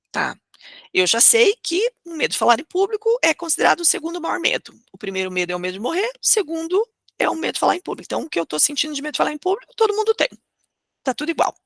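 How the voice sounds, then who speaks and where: Gravelly bright-toned woman coaching. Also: mid-range voice, no echo. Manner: expressive, rhetorical questions, acts out inner thoughts. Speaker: emotional coach. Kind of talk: motivational teaching talk.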